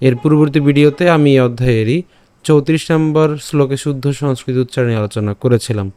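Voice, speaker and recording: A man teaching an online lesson, patiently breaking words down and repeating them slowly, syllable by syllable. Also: mid-range voice, mellow, clean tone, no room sound. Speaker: Gita recitation teacher.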